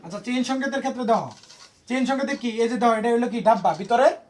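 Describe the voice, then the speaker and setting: A male tutor runs an informal lesson for students, firing off one question after another. His voice sits high and his pace is quick. He talks to the students in a small room. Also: a little mellow. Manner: quizzing students with constant questions. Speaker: private tutor.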